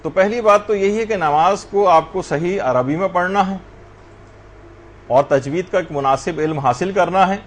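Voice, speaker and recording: A man's voice: high-pitched, slight background noise. A man teaching a religious class, lecturing earnestly and addressing his students directly.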